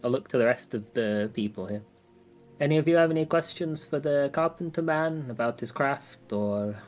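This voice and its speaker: Male tabletop gamer, mid pitch, casual improvised role-play, soft music underneath. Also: moderate pace. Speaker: tabletop game player.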